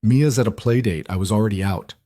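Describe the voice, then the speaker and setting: A calm, protective single father speaks in a steady, firm voice, as a male storyteller plays him. The voice sits low, and the recording is dry and close. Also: a little fast, no echo, lightly acted.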